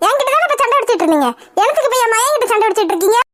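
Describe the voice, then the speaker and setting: A weepy, complaining young daughter-in-law whines in a very high cartoon voice. She speaks quickly and brightly. The sound is close and dry. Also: expressive, no echo. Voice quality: whiny. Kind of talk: cartoon comedy voice acting.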